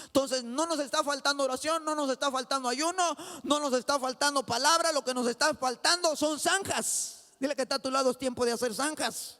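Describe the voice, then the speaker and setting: A man's voice: very high voice, bright, forceful tone. A pastor preaching a sermon, fervently calling on his congregation and addressing them again and again as brother. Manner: fervent preaching, repeats "hermano", calls congregation to answer. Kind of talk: Spanish-language sermon. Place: church sanctuary. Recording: long church reverb.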